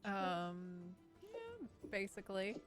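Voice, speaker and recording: A woman's voice: medium pitch, wildly swooping pitch, slow, music in the background. A woman serving as dungeon master on a live tabletop game stream, talking in a rambling, casual way with trailing fillers.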